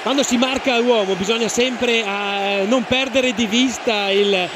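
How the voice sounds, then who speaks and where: A man's voice: very high-pitched, steady tone, measured pace. An Italian man working as co-commentator, analysing the play of a football match. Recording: clear stadium noise behind. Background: stadium ambience.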